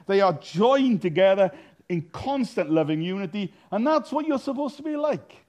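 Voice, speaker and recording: Guy preaching a sermon, bouncy lively voice, kinda high, blunt and teasing. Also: normal speed. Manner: animated, blunt, teasing preaching with sudden loud bursts. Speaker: minister.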